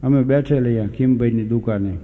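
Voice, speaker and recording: A man with a Kathiawadi Gujarati accent telling comic folk stories on stage, animated and slipping into quick voices for the people in his tales. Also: mid-range voice. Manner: animated, switches into quick character voices for dialogue. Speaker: folk humorist. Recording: echoey hall, dull lo-fi sound.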